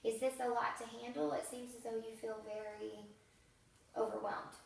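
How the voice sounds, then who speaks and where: A woman playing a counselor in a counseling role-play, calm and reflective, asking gentle questions. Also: on the high side, normal speed, creaky. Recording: very echoey room, mic far off, faint hiss.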